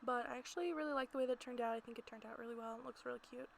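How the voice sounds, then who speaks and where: Giggly girl doing a chatty gameplay voiceover, woman's voice on the high side, bit of background noise. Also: steady tone, rapid-fire, creaky. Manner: giggly, informal, rambling. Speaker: amateur video creator narrating gameplay. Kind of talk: casual chatty voiceover commentary. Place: small closet at home.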